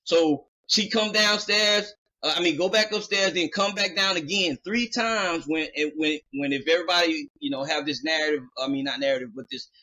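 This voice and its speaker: Speaking on the high side at a moderate pace with hardly any pauses, a man hosting a podcast rambles through a long casual story. He uses lots of fillers and animatedly acts out the quoted dialogue.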